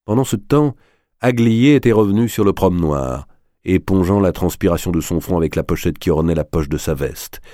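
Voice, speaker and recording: A man reading a dark novel aloud as the narrator, in a measured, dramatic way. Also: deep voice, expressive, no room sound, studio quality. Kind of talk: audiobook narration.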